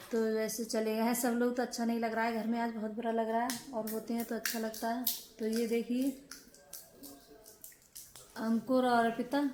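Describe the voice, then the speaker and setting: A young woman talks over her home vlog footage in a relaxed, rambling voice-over. Her voice sits a little high but barely rises or falls. She moves from one small thing to the next with plenty of fillers. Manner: flat, unhurried, lots of fillers. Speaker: home vlogger.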